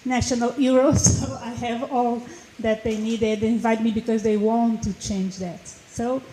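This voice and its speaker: Higher-voiced woman from the Azores. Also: steady tone, mellow. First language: Portuguese. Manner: casual, halting, occasional laughs. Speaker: panelist, football association board member. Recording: echoey room with faint ambience.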